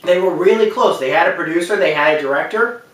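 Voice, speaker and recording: A fast-talking man with a high, fairly bright voice riffs on film and games in an unscripted opinion talk. As a video commentator he stresses his views forcefully, repeating phrases, while a distant mic catches lots of room echo.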